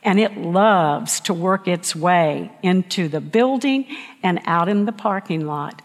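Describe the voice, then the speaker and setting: A woman pastor preaching a sermon, telling stories slowly and emphatically with dramatic pauses. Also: on the low side, lively intonation. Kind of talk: sermon storytelling. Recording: long reverb of a large hall.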